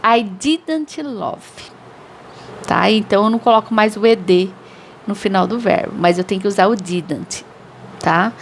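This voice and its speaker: A woman English teacher whose first language is Portuguese, giving a recorded grammar lesson and explaining slowly with repeated examples. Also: mid-range voice, steady tone, slight background noise.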